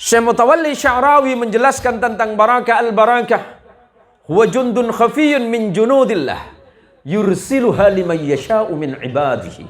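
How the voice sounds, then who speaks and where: Man preacher, high voice, joking storyteller, acts out voices. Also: normal speed. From Indonesia. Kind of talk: humorous sermon to a village gathering.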